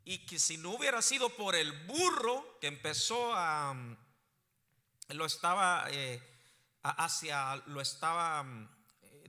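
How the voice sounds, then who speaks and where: Male pastor, fairly high voice, church hall reverb. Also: sharp tone. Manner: rising to emphatic preaching bursts, asks the congregation questions. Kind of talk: sermon.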